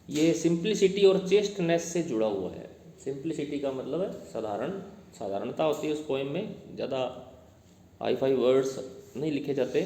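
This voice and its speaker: A male teacher giving a classroom lecture: he reads English text slowly, explains it in Hindi, and quizzes his students as he goes. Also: a little high, dark tone, a little hiss or hum. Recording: echoey room with long reverb.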